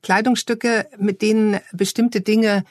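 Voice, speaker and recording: A woman's voice: mid-range voice, little pitch movement, unhurried, a little mellow, no room sound, clean studio sound. A woman interviewing an author, attentive and affirming. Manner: attentive, affirming with frequent murmurs. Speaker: podcast interviewer.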